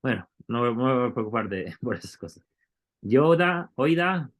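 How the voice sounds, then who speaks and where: A man's voice: medium pitch, sing-song, moderate pace. A man teaching a Bible Greek class, explaining step by step and asking the students questions. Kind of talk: classroom lecture.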